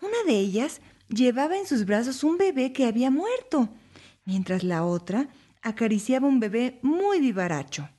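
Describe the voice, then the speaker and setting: A woman narrating Bible stories for families in a clear, even storybook reading. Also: a little high, moderate pace.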